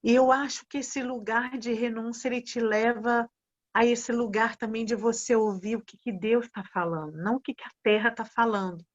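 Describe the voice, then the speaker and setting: Animated woman hosting a faith talk. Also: a little high, normal speed. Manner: animated, acts out prayers in quotes. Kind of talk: casual faith conversation. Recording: dull lo-fi sound.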